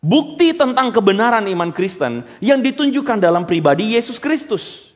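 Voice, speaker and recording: High, lively male preacher in a hall. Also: normal speed. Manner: animated, rhetorical questions, slips into casual slang. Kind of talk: sermon. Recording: long hall reverb.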